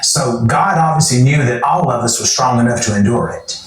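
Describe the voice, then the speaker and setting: A man's voice: medium pitch, fairly quick, distant mic, a little hiss or hum. Middle-aged guy, folksy earnest storyteller, sits back from the mic, room echoes a lot. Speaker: interview guest. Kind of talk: telling his story in an interview.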